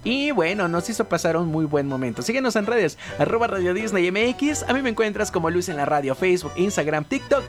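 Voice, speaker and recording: A man's voice: sits high, sing-song, brisk, hardly any pauses, soft background music. A man hosting a morning radio show with a Mexican Spanish accent, chatty and promotional. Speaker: radio host. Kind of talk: upbeat radio presenting.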